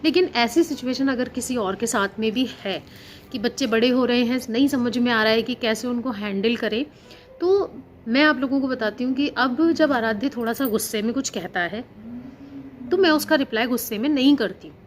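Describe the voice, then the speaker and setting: A woman's voice: on the high side, moderate pace, faint music behind. A woman in her thirties, a housewife and teacher, talking earnestly in a casual parenting vlog, often repeating herself and slipping English words into her talk. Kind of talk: casual chat about parenting.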